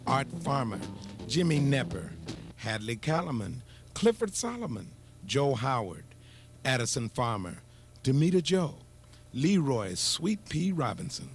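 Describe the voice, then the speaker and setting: Gravelly narrator with a lively delivery. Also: male voice, mid-range voice. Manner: steady reading of names. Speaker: documentary narrator. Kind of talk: scripted narration.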